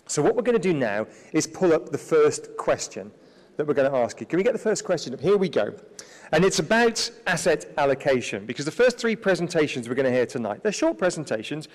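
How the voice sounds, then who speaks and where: A man's voice: a little high, a little mellow. A man moderating a live event, chatty and upbeat, guiding the audience through voting and joking with them. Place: large event hall. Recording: long hall reverb.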